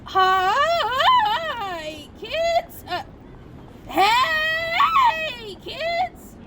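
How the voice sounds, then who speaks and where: A woman playing an excitable young Christmas elf in an audio drama, calling out in a squealing elf voice. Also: full character voice. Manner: high, squealing christmas elf call, shouted to children.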